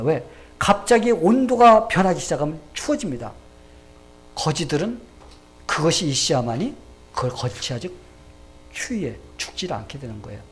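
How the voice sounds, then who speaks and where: A Korean man preaching a sermon as pastor, telling a Bible story with lively questions to the congregation and acted-out shouts. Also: a little high, a little hiss or hum.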